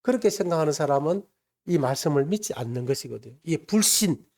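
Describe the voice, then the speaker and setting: A man's voice: on the high side, animated, fast talker, a little mellow. A man preaching a sermon in a church, telling a story and acting out its characters. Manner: storytelling, acts out quoted voices. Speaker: pastor. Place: church sanctuary.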